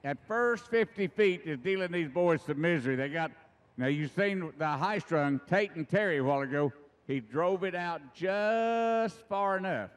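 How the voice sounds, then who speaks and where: A man's voice: sits high, animated, normal speed, clear, resonant tone. A middle-aged American man giving live event commentary as a tractor pull announcer in a folksy, emphatic way, repeating himself for effect.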